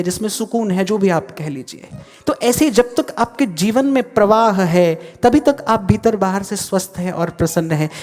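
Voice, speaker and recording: A man gives a scripture discourse to a gathered audience, speaking in a measured, explanatory way and leaning hard on key words. His voice hangs in a long hall reverb, with soft music underneath. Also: high voice. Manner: measured, explanatory, with emphatic stresses. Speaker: spiritual teacher.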